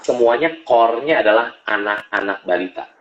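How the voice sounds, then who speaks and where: A man's voice: mid-range voice, moderate pace, slight background noise. A business coach tells his stories with a lot of animation, often acting out the voices of the people in them. He is a man with a mid-range voice. The recording is echoey and a little dull. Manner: animated storyteller, acts out quoted voices. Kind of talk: storytelling interview talk. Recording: echoey, dull-sounding room.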